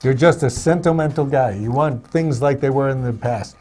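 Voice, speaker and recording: A man's voice: medium pitch, normal speed, a little mellow, soft background music. A man co-hosting a talk show in casual chat, teasing his partner with playful banter. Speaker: co-host.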